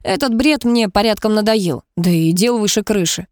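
A woman's voice: medium pitch, normal speed, no room sound, natural voice. A cold, sarcastic male director voiced by a woman narrator barks short, biting lines in an audiobook. The voice sits mid-range and the sound is dry and close, with no room around it. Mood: irritated. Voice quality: sharp, sarcastic.

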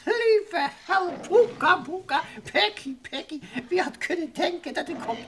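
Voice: very high-pitched, lively intonation, a little slow. A performer voicing Professor Kwartje, a haughty, mischievous little alien who chatters grandly in nonsense-peppered speech in a children's radio play. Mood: confident, teasing. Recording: old radio recording with faint noise.

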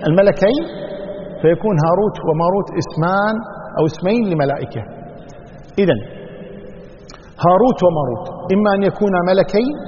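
A man's voice: high voice, a little mellow. A man giving a religious lesson, explaining a verse patiently and going over each possible reading. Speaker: Islamic scholar giving Quran commentary. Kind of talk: religious lesson to a live audience. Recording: dull lo-fi recording with long hall reverb.

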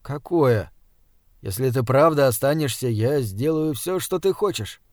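A man reading a storybook voices a shy, desperate young male artist who speaks low and pleadingly. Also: animated, measured pace, darkish tone, no room sound, clean studio sound, natural voice. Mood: earnest.

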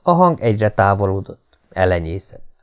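A man reading an adventure novel aloud as an audiobook in a steady, measured storytelling manner. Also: on the low side, smooth, dull audio. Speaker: audiobook reader. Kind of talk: scripted narration.

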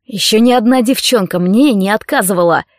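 A woman's voice: medium pitch, fairly quick, no room sound, studio quality, close to an everyday voice. A woman voicing a brutal, jealous young male football player who growls and sneers. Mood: menacing.

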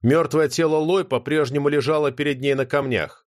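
A man narrating a fantasy audiobook in an expressive, dramatic reading. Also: on the high side, moderate pace, no room sound, clean studio sound.

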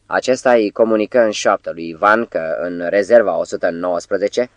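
Man, audiobook narration, deep voice, dry sound, measured. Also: no echo. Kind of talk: scripted narration.

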